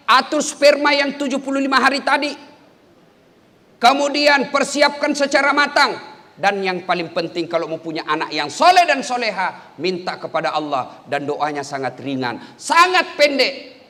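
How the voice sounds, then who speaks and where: A man preaching a sermon at an event, animated, leaping up to high emphatic calls. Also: in a large hall. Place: event hall with an audience.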